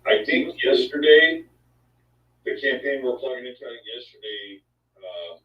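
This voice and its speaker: A man's voice: medium pitch, lively intonation, normal speed. A man hosting a casual chat, talking in an easygoing, rambling way. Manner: easygoing, rambling, sound effects. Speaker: host. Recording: echoey, distant, dull sound.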